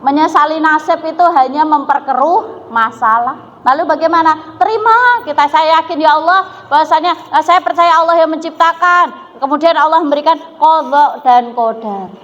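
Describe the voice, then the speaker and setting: A woman's voice: sits high, moderate pace, hardly any pauses, fairly bright tone. A woman with a Javanese accent giving a religious lecture to women, telling stories and asking the audience questions. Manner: storytelling, asks the audience questions, mixes in Javanese. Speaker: preacher. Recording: dull echoey hall recording with faint noise.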